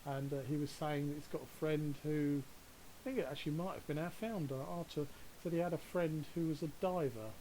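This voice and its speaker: A man's voice: on the high side, fairly even intonation, a little fast, mellow, slight background noise, low-quality recording. Chatty man rambling through a virtual tour. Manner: chatty, rambling, chuckles at his own asides. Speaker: virtual world guide. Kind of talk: casual walkthrough narration. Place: home setup, voice over a VR headset session.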